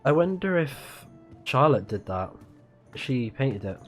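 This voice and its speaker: Someone livestreams a video game, chatting casually, murmuring reactions, and reading the on-screen text aloud. Their voice is mid-range and very animated but unhurried. Game music runs underneath.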